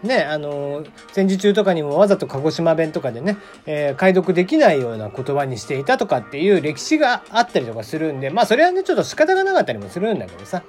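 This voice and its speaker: A man's voice: a little high, big pitch swings, fast, hardly any pauses, darkish tone, faint music behind. A man in his forties from Kagoshima, hosting his own podcast in a rambling, chatty monologue full of fillers and little chuckles. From Kagoshima, Japan. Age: 40s. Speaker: solo podcast host. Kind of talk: casual radio-style monologue.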